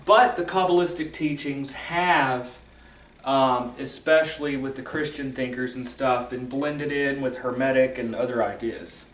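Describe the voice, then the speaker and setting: A man explaining esoteric teachings in a casual, rambling lecture, correcting himself often and filling pauses with ums and uhs. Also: medium pitch, reverberant, recorded from a distance, low-quality recording. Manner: rambling, self-correcting, filler-heavy.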